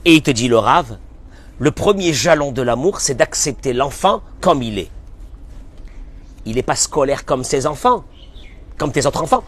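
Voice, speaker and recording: A man giving a sermon as a rabbi, impassioned, switching between loud bursts and soft murmurs and mixing Hebrew phrases into his French. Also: mid-range voice, lively intonation, normal speed, pauses often.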